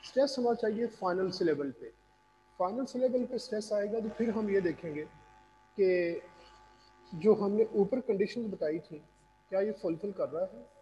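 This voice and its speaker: Male teacher, Pakistani accent, high voice, mellow tone, long room reverb, faint hiss. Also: normal speed, lo-fi sound. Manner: patient, quizzes students. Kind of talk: online class lecture. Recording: roomy reverb, faint noise.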